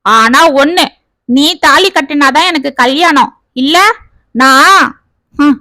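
A woman's voice: high voice, slow pace, dry recording, full character voice. A woman reading a family story, voicing a bold young village woman who scolds and teases her cousin. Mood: mocking. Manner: sharp, scolding, mocking.

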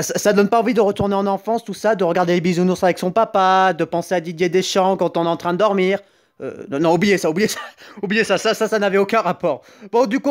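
Excitable high-voiced man joking through gameplay. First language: Italian. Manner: jokey, excitable, yelps and rambling asides. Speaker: gaming YouTuber.

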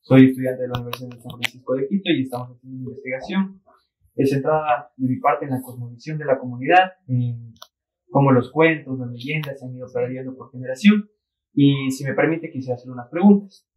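A man's voice: mid-range voice, brisk, darkish tone. A young man interviewing someone and asking his questions politely and formally. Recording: voice picked up from a distance.

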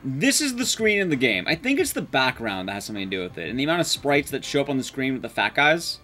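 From a small indoor room with game music behind him, a young speedrun streamer fires off casual live commentary, talking fast in a sharp mid-range voice with big pitch swings. He's self-deprecating and swears freely.

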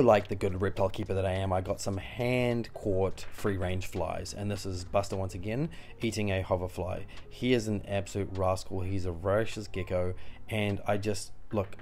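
A man's voice: low-pitched, a little mellow. A young man narrating a wildlife vlog as an enthusiastic gecko keeper, emphatic, playful and given to repeating himself.

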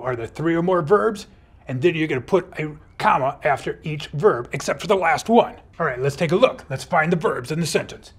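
In this kids' educational video, a teacher plays a comma superhero, teaching grammar in a playful, upbeat way. His voice is a little high and slightly rough.

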